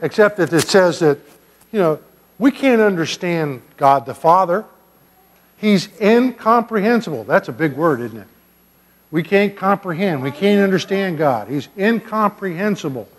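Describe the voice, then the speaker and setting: An older man, a pastor giving a children's sermon in a church sanctuary, gently and playfully asking the kids questions. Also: sits high, lively intonation, moderate pace. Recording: long church reverb.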